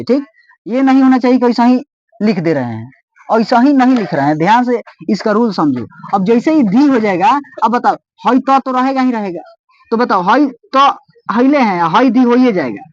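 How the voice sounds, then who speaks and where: Speaking at medium pitch with no echo, a Bihari-accented teacher walks students through Hindi grammar one step at a time. He is patient and drawn-out, repeating himself and checking again and again that they are following, all on a dull, dry lo-fi recording.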